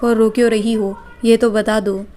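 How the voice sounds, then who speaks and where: A woman voicing a teasing, wisecracking young husband in a storybook, in an even, flat delivery. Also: a little high, normal speed, slight background noise, close to an everyday voice.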